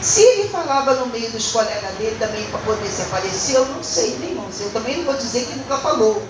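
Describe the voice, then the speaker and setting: A woman's voice: fairly high pitch, expressive, fast talker, background noise. A Brazilian woman, a church deaconess, giving a fervent testimony sermon and often breaking in with words of praise. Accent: Brazilian Portuguese. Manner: fervent, peppers speech with praise phrases. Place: church hall. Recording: very echoey church hall, mic far off.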